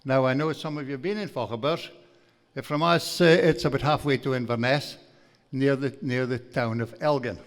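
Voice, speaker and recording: An older guest speaker from Aberdeenshire, Scotland, with a broad Doric accent, gives a jovial after-dinner lecture at a stand mic in a large hall. His mid-range voice moves at a moderate pace, folksy and reading from notes, and the hall adds a long reverb.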